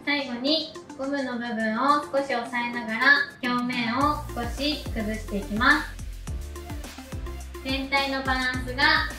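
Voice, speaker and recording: A woman gently narrating a hair tutorial step by step in an unhurried way. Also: high-pitched, soft background music. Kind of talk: calm step-by-step voice-over instruction. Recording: echoey room, a bit distant from the mic.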